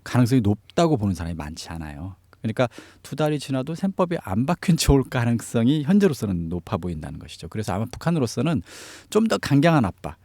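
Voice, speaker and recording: A man's voice: medium pitch, big pitch swings, quick pace, hardly any pauses, mellow, no room sound. A man giving explanatory analysis as a political commentator in an interview, stressing key phrases. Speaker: news commentator on North Korea affairs.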